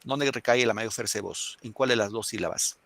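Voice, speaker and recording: In a classroom lesson, a male teacher with a Peruvian Spanish accent explains a poem, reads poems aloud, and questions his students. His voice is on the low side, gravelly and a little bright, delivered briskly in a dry recording.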